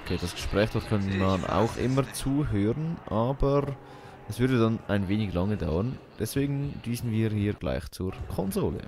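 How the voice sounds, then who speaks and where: A man's voice: fairly low pitch, animated, normal speed, background noise. A man hosting a let's play, thinking aloud in colloquial, casual game commentary.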